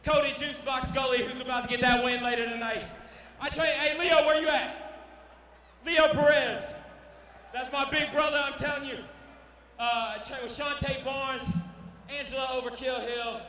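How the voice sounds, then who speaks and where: A man's voice: very high voice, steady tone, moderate pace. A man, a fighter, giving a brash, boastful post-fight promo into a handheld mic in an arena. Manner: brash, boastful, shouting over the crowd. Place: convention center arena. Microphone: handheld interview mic. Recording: echoey arena hall from far off.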